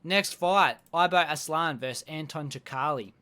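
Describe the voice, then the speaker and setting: A man's voice: on the high side, normal speed, sharp tone, clean tone. A man recapping fight-night bouts in casual chat, blunt and swearing constantly as he rants at the fighters. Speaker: MMA recap host.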